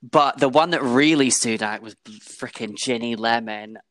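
A man's voice: medium pitch, measured pace, a bit bright. A man with a Scottish accent, a drag queen guest chatting playfully and with plenty of enthusiasm. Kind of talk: casual chat.

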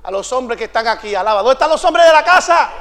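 A man with a strikingly high voice preaching in a church, pressing the congregation with question after question and rising into shouts. Long reverb from the sanctuary hangs on every line. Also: animated, fast. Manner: rhetorical questions to the congregation, building to shouted climaxes. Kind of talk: sermon.

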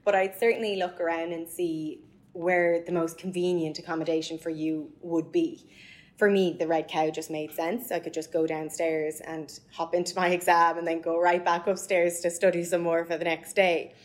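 A woman's voice: on the low side, flat delivery, moderate pace. A young woman from County Mayo with an Irish accent, giving conversational advice as a podcast guest. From County Mayo, Ireland.

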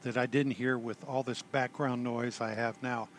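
An older man, a retired army chaplain, telling his story in a halting, self-deprecating way with dry humor. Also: mid-range voice, flat delivery, a little hiss or hum. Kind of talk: conversational storytelling.

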